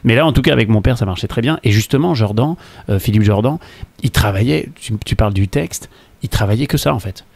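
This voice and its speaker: A man from the opera world telling anecdotes in a relaxed chat, laughing now and then. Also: medium pitch, brisk, gravelly, no room sound. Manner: anecdotal storyteller, laughs between points. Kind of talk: casual conversation.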